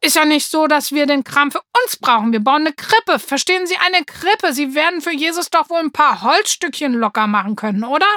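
A woman doing an outraged little boy in a children's storybook, bellowing at the top of his lungs. His voice sits well above the reader's own and stays loud and indignant, with no studio echo. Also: high voice, animated, a little fast, few pauses, pitched above the performer's own voice. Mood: furious. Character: furious shouting schoolboy, about ten.

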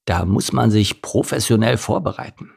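Smug lazy male spider, low voice, husky, dry condescending mutter, done by a male narrator. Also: normal speed, darkish tone, full character voice. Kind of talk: children's audiobook acting.

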